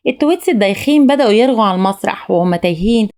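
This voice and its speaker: A woman with an Egyptian Arabic accent narrating a recap of an animated film in a brisk, even storytelling manner. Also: medium pitch.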